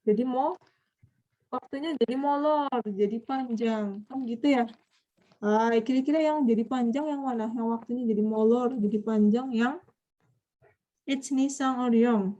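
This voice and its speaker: A woman teaches a Japanese vocabulary class with a fairly high voice. She keeps quizzing her students and nudges them along when they are slow to answer. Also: mellow, lo-fi sound.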